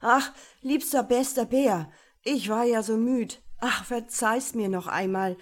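A young prince from a storybook tale, begging desperately in a high, strained voice, as a woman narrator puts him on. The lines come slowly and loud. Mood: pleading.

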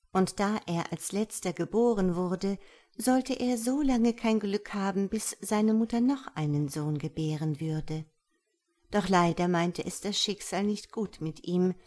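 A woman reads a fairy tale aloud in a calm, measured manner. Her voice sits at a middling pitch. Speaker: storyteller. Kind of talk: scripted fairy-tale narration.

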